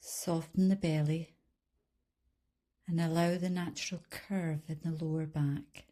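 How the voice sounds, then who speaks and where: A low-pitched woman, a meditation guide and life coach, leads a guided body scan. She speaks calmly and soothingly at an unhurried pace, leaving long pauses between instructions.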